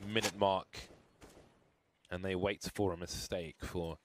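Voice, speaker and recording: Excited esports play-by-play man. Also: low voice. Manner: quick, playful, rising to excited calls. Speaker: play-by-play caster. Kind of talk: esports commentary. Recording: noisy broadcast with game sounds behind.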